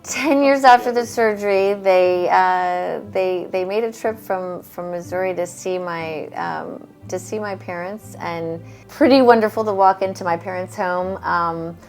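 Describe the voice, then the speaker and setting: Earnest woman, kinda low voice, lots of ums, thoughtful. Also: soft background music. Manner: earnest, thoughtful, halting with fillers. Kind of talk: interview recollection.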